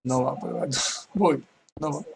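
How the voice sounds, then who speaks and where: Gravelly-voiced man laughing through gameplay. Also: mid-range voice, unhurried, a little mellow, slight background noise. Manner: laughs often, reads out chat with "dice". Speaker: gaming youtuber. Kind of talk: casual gameplay commentary.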